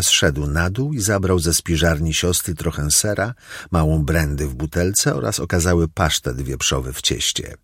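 A man reading a children's audiobook aloud in expressive, scripted narration. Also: rumbling low, slightly rough, dry recording, studio quality. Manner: expressive storytelling. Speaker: audiobook reader.

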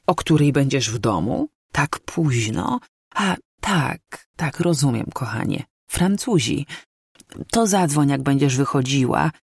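A reader voicing an elderly woman, a gentle grandmother talking softly and fondly on the phone. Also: mid-range voice, creaky, breathy edge, dry recording, clean studio sound, full character voice. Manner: soft, affectionate phone talk.

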